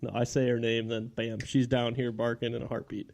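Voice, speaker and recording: A man's voice: mid-range voice, monotone, fairly quick, vocal fry, darkish tone. A man from Michigan hosting a casual podcast from his basement, laughing often and bantering with his guest. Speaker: podcast host. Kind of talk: casual chat. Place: home basement. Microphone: studio microphone.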